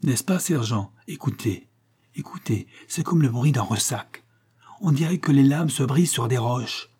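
A man reading an audiobook voices an anxious army lieutenant who speaks urgently and breaks into excited exclamations. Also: mid-range voice, normal speed, breathy edge, pitched above the performer's own voice. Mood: uneasy.

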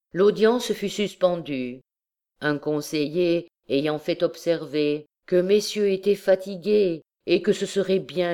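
A woman narrating a classic novel as an audiobook, in a measured, deliberate reading. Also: low-pitched, darkish tone. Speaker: audiobook reader.

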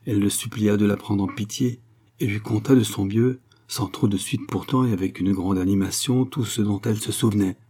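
A man with a fairly low voice reads a classic novel aloud for an audiobook. His storytelling is measured and even.

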